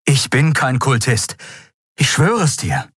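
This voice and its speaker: A man's voice: medium pitch, very animated, slow, a bit bright, slightly rough, no room sound, clean studio sound, voice pushed up, exaggerated voice. A man voicing a cornered young man who pleads and stammers, choking and gasping as he is held by the throat. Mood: pleading. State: choked, gasping for air.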